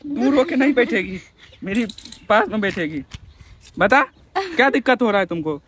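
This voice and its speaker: A man's voice: very high-pitched, very animated, moderate pace, fairly bright tone. Young male vlogger, bossy and insistent during a prank argument; faint background noise. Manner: pushy, repeats commands. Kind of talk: heated casual argument.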